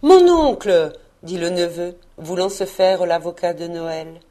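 A woman reading a classic novel aloud as an audiobook, with measured, expressive storytelling. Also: fairly low pitch. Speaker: audiobook reader. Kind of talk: scripted narration of a classic novel.

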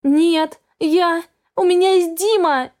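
A woman voicing a distraught young woman who pleads in a tearful, high, strained voice. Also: slow pace, a little mellow. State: tearful, sobbing.

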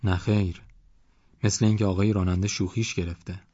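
A man reading as a calm old cleric. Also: deep voice, no echo, highs cut off. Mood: serene. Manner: serene, measured, preaching. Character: older male cleric, calm, pious, unshaken.

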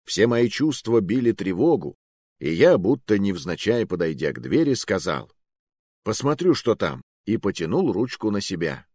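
A man reading a first-person adventure story aloud as an expressive audiobook narrator. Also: fairly low pitch, moderate pace, breathy edge, no echo, studio quality.

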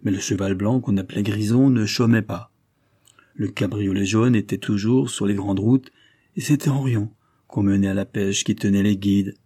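Un homme lit un roman en livre audio, d'un ton posé et expressif. Sa voix est plutôt grave, sombre et un peu voilée. L'enregistrement est très sec, sans écho. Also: male voice, fairly low pitch, mellow, husky, no room sound, studio quality. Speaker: audiobook narrator. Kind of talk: literary audiobook reading.

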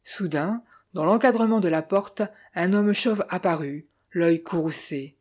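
A narrator reading a detective novel aloud in a measured, even manner. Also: mid-range voice. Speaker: audiobook narrator. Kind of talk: literary audiobook narration.

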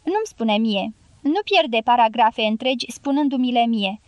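A cynical male journalist speaking in a flat, mocking tone, as a woman reads him in an audiobook. The voice sits fairly high and sounds dry and close. He is world-weary and curt. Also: dry recording, close to an everyday voice. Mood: deadpan.

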